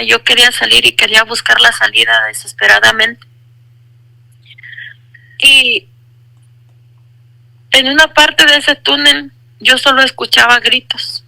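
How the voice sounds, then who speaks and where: Woman telling her church testimony, real sharp bright voice, bit of grit, dry close sound. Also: fairly high pitch, gravelly, dry recording, low-quality recording. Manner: earnest, repeats phrases for emphasis; addresses listener as brother. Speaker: testimony speaker. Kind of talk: personal religious testimony.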